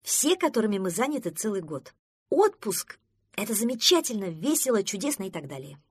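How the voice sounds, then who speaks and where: A woman voicing a calm, patient male friend who explains things in a children's audiobook. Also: medium pitch, a little fast, husky, no echo, clean studio sound. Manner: gentle and explaining.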